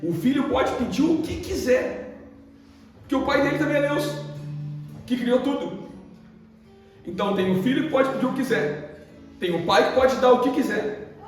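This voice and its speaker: A young Brazilian man preaching a sermon in a church hall, animated and asking the congregation questions. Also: extremely high pitch, normal speed, pauses often. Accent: Brazilian Portuguese. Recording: echoey hall from far off, guitar behind.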